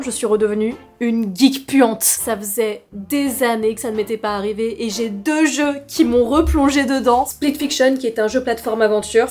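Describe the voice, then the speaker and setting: A woman's voice: on the high side, darkish tone. A woman talking to camera in a casual vlog, playful and sarcastic, with jokey asides. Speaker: YouTuber. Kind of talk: casual vlog monologue with sponsor read.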